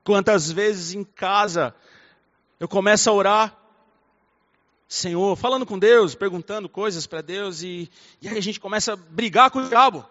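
A man preaching a fervent sermon, swinging between soft, intimate passages and loud, fiery ones. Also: sits high, moderate pace. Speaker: pastor. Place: church hall. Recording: dull recording in a reverberant hall.

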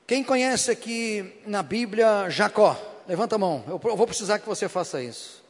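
A man with a Brazilian Portuguese accent preaching a sermon to a congregation as pastor, emphatic and repetitive, often asking the crowd for an "amen". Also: sits high. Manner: emphatic, repeats phrases, keeps asking the congregation "Amém?". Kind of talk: sermon with personal testimony. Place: church before a congregation. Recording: long reverb of a church hall.

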